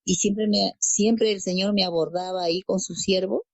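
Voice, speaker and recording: A woman's voice: mid-range voice, fairly even intonation, normal speed, darkish tone, no room sound, highs cut off. A woman from Peru telling her conversion testimony as a guest, storytelling and acting out quoted dialogue, repeating phrases. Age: adult parent. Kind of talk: personal faith testimony.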